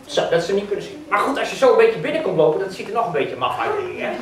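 A young man performing a live magic show for children, animated and projecting to his audience. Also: high voice, racing. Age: young adult. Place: school hall stage, indoors, children in audience. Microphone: far camera. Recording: echoey noisy hall, distant camera microphone.

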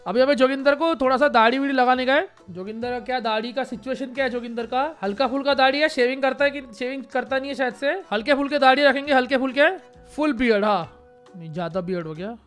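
An excitable young man with a strikingly high voice chats through a game in casual, joking commentary. He fires off phrases in quick bursts and repeats them, like a gaming YouTuber riffing for his viewers. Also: clean tone, faint music behind.

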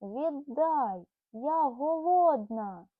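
A woman voicing a bold, hungry female squirrel in a bedtime storybook, with slow, emphatic lines. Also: high voice, expressive, no room sound, exaggerated voice. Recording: tinny phone-like sound.

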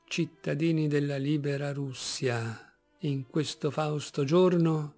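A man's voice: medium pitch, fairly even intonation, normal speed, vocal fry, a little mellow, faint music behind. A man reading aloud, giving an old bearded man a plaintive, sing-song voice in a storybook.

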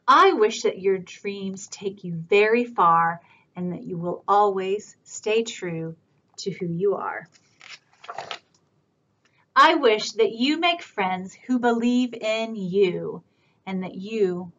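A woman children's librarian reading picture books aloud for storytime, with a warm, expressive storytime delivery. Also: medium pitch, dull audio.

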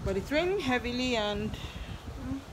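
A young adult woman with a Nigerian accent, chatting excitedly in a home video blog and often repeating herself. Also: a little high, unhurried, noisy background. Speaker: vlogger. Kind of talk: casual chat.

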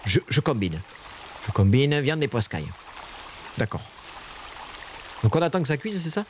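A man streaming a survival game, talking to his chat in casual live commentary and shrieking high when startled. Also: very animated, moderate pace, a little hiss or hum.

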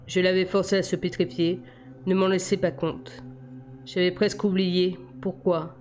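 A woman reading a novel aloud in steady first-person narration, stumbling over a word now and then. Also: on the low side. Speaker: amateur audiobook reader.

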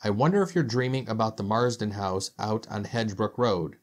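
A man's voice: lowish voice, brisk, natural voice. A man voicing a mustached, pipe-smoking police detective who speaks matter-of-factly, in a board-game story. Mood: insistent.

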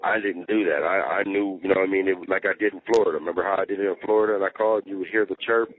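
A man chats over a prison phone call, his low voice squeezed thin and tinny by the line. He tells long stories in slangy, cussing street talk, laying it on casually. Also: fairly even intonation, rapid-fire. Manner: profane, storytelling, slangy. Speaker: jail inmate on a phone call.

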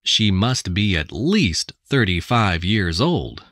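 Super deep american lady reading a textbook lesson real slow, dry close sound. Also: sing-song, fairly bright tone, no room sound. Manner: careful, deliberate enunciation. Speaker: English text reader.

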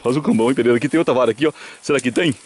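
A man with a Brazilian caipira country accent giving casual, excited, jokey fishing commentary outdoors from behind a handheld camera. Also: medium pitch, racing, a little hiss or hum. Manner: animated, jokey, exclamatory. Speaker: vlog host and cameraman. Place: open hillside pasture by ponds, outdoors.

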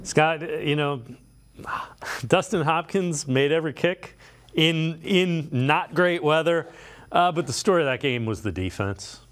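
A middle-aged man hosts a sports show from a studio. His voice sits a little high, and he speaks conversationally. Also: a little slow, a bit bright.

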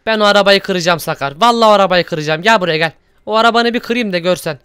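A man's voice: sits high, very fast, bright, forceful tone, smooth, no room sound, clean studio sound. A man hosting a Minecraft role-play video, narrating in an exasperated, scolding and theatrical way. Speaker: gaming youtuber host.

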